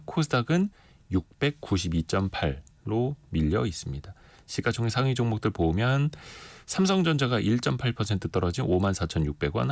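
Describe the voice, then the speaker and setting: A man with a lowish voice hosts a radio interview show from a studio, with no echo. He reads market figures and chats with a guest conversationally, in quick back-and-forth exchanges.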